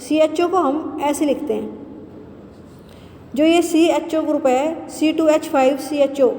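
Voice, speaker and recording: A woman teaches chemistry, posing questions, answering them herself, and repeating key terms slowly. Her voice sits high and sounds mellow. There's slight background noise and a roomy echo with long reverb.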